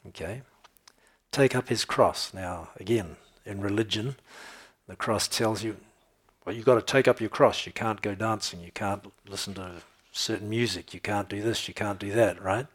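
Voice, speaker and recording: Male pastor, low husky voice, relaxed conversational preaching with humor. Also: moderate pace. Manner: conversational, tells jokes and laughs, checks in with "okay?". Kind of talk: sermon.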